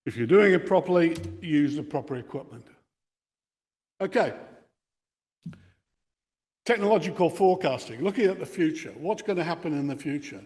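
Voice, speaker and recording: An older Australian man, speaking at an amateur radio club, delivers a technical lecture to radio enthusiasts in an indoor meeting room with equipment on a bench. His voice is a little high, animated and darkish, at a moderate pace with frequent pauses. The hall or meeting room sounds reverberant.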